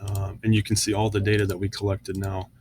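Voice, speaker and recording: Explaining each step of some software in an informal screen-share walkthrough, a man often hesitates with fillers. His lowish voice is monotone and a little fast, and there is a little hiss or hum.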